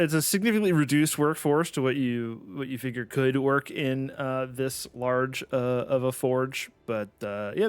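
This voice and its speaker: A man narrating a tabletop game as game master, halting and full of fillers. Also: mid-range voice, smooth, no echo.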